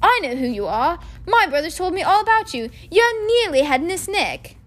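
A woman's voice: very high-pitched, big pitch swings, normal speed, fairly bright tone, voice pushed up, heavily acted. A woman voicing a nervous, gangly eleven-year-old schoolboy who talks uncertainly.

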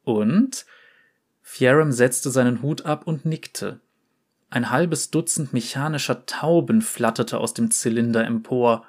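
Calm man reading a storybook. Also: medium pitch, unhurried. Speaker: narrator.

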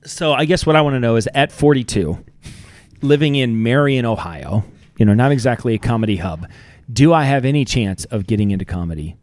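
A man's voice: medium pitch, expressive, fairly quick, darkish tone, dry recording. A man, co-hosting a podcast in casual chat and musing aloud with fillers. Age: 40s. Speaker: podcast co-host.

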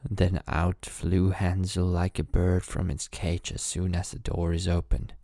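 A man reading a fairy tale aloud as a bedtime story, calm and measured. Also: low voice, no echo, clean studio sound.

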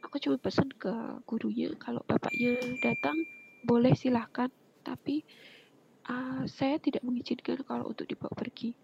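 Earnest woman in her thirties, a high voice with gritty fry, softly whispering through her story; dull recording with a faint hiss underneath. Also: steady tone, normal speed. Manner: earnest, soft-spoken, often drops to a breathy whisper. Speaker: interview guest. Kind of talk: personal story told in an interview. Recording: muffled lo-fi with faint background noise.

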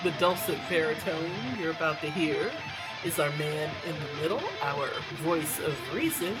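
An American woman hosting a podcast in casual chat, wry, unhurried and playfully teasing. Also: deep voice, loud music behind the voice, poor audio. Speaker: podcast host.

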